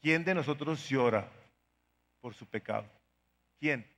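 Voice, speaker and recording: A middle-aged man, a pastor, preaching a sermon with pleading, dramatic swings in loudness. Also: medium pitch, a little slow, in a large hall.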